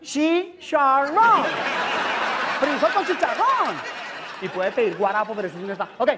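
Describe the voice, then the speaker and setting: A man's voice: high voice, very animated, quick pace, over a noisy crowd, very noisy. A Colombian man doing a stand-up comedy set, playfully playing teacher with exaggerated broken English. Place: stage before a live audience.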